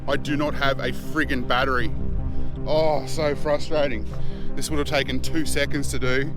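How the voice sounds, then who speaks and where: A man's voice: mid-range voice, level tone, moderate pace, over music. An Australian man narrating a vlog in a casual, slangy, easygoing and good-humoured way. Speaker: vlog host.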